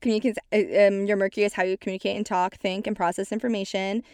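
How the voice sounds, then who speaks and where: Brief: young woman podcast co-host, casual and chatty, middle pitch, dry close sound. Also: rapid-fire, clean tone, no room sound. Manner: chatty, lots of "like", animated retelling. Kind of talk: casual chat recapping a reality show.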